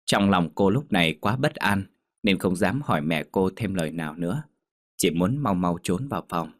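A man narrating a ghost story in a steady, measured way. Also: deep voice, no echo, clean studio sound.

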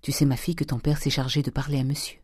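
A reader voicing a timid older mother who speaks softly. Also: mid-range voice, flat delivery, quick pace, slightly rough, dry recording, clean studio sound, close to an everyday voice.

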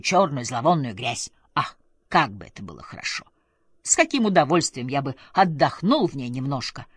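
A woman's voice: low-pitched, slightly rough, no room sound, studio quality. A woman voicing a cynical, weary society man. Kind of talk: audiobook character reading.

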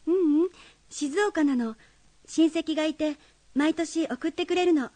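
An actress playing a well-bred young woman who speaks gently and politely. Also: high-pitched, measured pace, no room sound. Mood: gentle. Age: young adult. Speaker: university student. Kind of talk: film drama acting.

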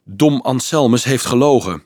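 An earnest teenage boy addressing a crowd of children, halting at first and then pressing and eager, as a man reads him aloud. His delivery rises and falls in a lively way. The storybook recording is dry and close. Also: medium pitch, dry recording, voice pushed up, close to an everyday voice. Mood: urgent. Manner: hesitant, then urgent and explaining. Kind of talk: audiobook reading.

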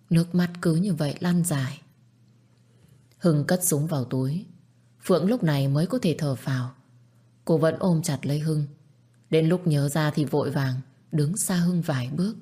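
A woman narrating a story aloud in a steady, even reading voice. Her pitch sits low for a woman. She keeps the telling measured and unhurried. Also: breathy edge.

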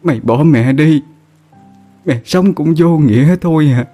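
A man's voice: a little high, measured pace, mellow, faint music behind, pitched above the performer's own voice. A man voicing a frail old mother weeping over her dead son, in a raised lamenting voice.

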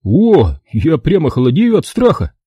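Guy doing a sly mouthy young soldier, high voice, bouncy, kinda husky. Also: wildly swooping pitch, measured pace, warm tone, no echo, lo-fi sound, full character voice. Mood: cheeky. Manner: sly, mocking, rattles on. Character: cheeky young male soldier, mocking know-it-all.

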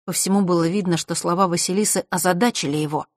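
Low-voiced woman reading a story. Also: no echo, studio quality. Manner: even, measured storytelling. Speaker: audiobook narrator. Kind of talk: scripted narration.

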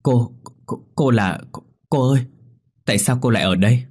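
A man's voice: medium pitch, normal speed, husky, voice pushed up, natural voice. A man voicing a startled village boy who stammers and cries out. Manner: stammering, shouting. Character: panicked village boy crying out.

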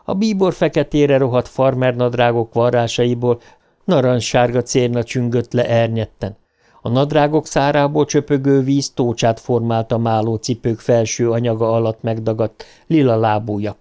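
A man narrating an audiobook in a measured, even storytelling manner. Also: mid-range voice, smooth.

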